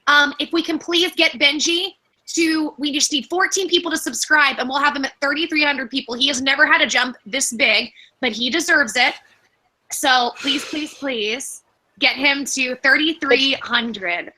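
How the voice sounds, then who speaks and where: A woman's voice: high voice, normal speed, sharp tone, low-quality recording. A woman hosting a livestream, casual and brash, swearing and joking with her guests and chat. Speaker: livestream host.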